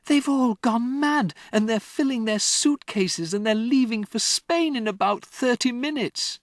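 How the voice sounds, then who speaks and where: A frantic little girl cries out in a voice pushed far above the reader's own, as a narrator puts her on. She pleads high and breathless, with no room sound around her. It is a storybook reading. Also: measured pace, no room sound, clean studio sound, natural voice. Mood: distraught. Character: distraught young schoolgirl, pleading.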